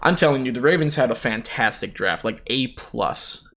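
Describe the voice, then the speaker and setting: A man's voice: medium pitch, expressive, normal speed, fairly bright tone. A man giving casual, rambling commentary on a video game, informal and sweary. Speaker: gaming commentator.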